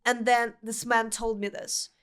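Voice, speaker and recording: Speaking English with a Russian accent, this young Uzbek guest chats casually on a podcast, earnest but halting, often restarting her thoughts. Her voice is fairly high and level, a bit bright, clear, and resonant.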